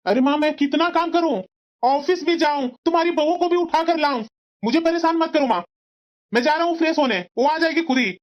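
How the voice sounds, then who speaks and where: A woman plays a quick-tempered young husband in a cartoon story, snapping and grumbling at his mother and wife. The voice sits high for a man. The recording sounds dull and muffled. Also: close to an everyday voice. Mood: irritated. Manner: snapping, complaining. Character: irritable young husband, short-tempered son.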